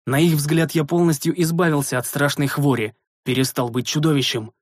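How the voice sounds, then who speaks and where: A man narrating a first-person fantasy audiobook in a measured, steady reading voice. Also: fairly high pitch, no echo, clean studio sound.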